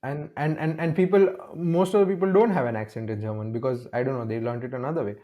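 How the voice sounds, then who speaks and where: Telling animated stories as a guest in a casual interview, a young man from India acts out little conversations and frequently starts his sentences over. He is a fast talker with a medium pitch, and the recording's highs are cut off.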